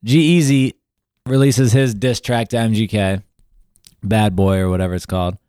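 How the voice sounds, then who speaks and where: A man's voice: lowish voice, fairly even intonation, normal speed, mellow, smooth, no echo. Male podcast co-host, loose rambling delivery, dry room. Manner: rambling recap with fillers. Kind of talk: casual podcast chat.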